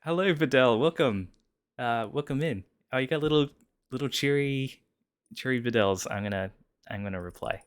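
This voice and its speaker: A man's voice: medium pitch, normal speed, clear, resonant tone. A man hosting a casual live stream chat, often repeating and restarting his words as he talks. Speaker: stream host.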